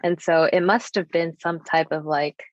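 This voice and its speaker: Her voice sits low and holds a steady tone at a moderate pace as she reflects in a personal conversation. She's a young woman from the US, Japanese by first language, speaking as an earnest, thoughtful podcast guest with frequent casual fillers. The dull lo-fi recording has no echo.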